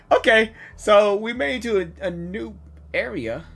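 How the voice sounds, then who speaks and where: A woman with a medium-pitched, creaky voice speaks animatedly and a little slowly. As a gaming reaction video creator, she gives casual, informal gameplay commentary, often repeating her phrases.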